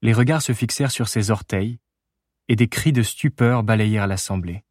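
Low-voiced male audiobook narrator. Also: moderate pace, darkish tone, dry recording, clean studio sound.

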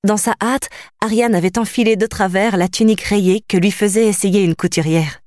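A woman reading a children's novel aloud as audiobook narration, calm and even. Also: mid-range voice, normal speed, no room sound, clean studio sound. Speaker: audiobook reader.

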